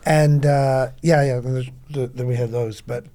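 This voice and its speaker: A middle-aged man rambling through club memories in a casual podcast chat, full of quick asides. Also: medium pitch, fairly even intonation, dark tone. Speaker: club veteran guest.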